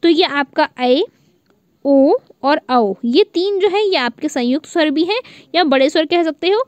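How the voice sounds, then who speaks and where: High-voiced woman teaching an online class. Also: lively intonation, measured pace, no echo. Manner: repeats key points as questions to the class; draws out vowel sounds to demonstrate length.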